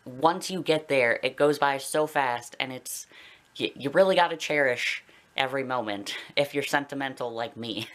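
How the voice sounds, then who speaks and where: Rambling a bit, a young Canadian-accented video blogger speaks casually and openly to his audience in a personal vlog. He has a medium pitch, talks at normal speed, and sounds slightly bright.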